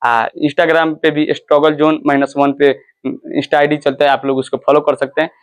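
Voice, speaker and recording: A man explains a school story. His voice sits high for a man. He keeps quizzing his listeners, repeating each key point and answering his own questions in a patient teaching manner. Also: level tone, normal speed, clean tone.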